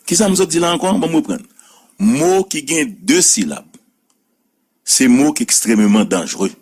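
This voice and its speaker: A man with a Haitian accent hosting a radio show, giving opinionated commentary with emphatic, drawn-out repetitions. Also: a little high, very animated, gravelly, a little mellow, slightly rough. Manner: emphatic, sing-song stresses, drawn-out repetitions.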